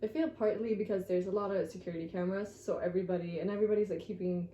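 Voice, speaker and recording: A young woman from Sweden chats as a guest in a relaxed, agreeable way, full of fillers. Her voice is mellow and mid-pitched, and it sits in a roomy space with a faint hum behind it. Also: rapid-fire. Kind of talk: casual chat.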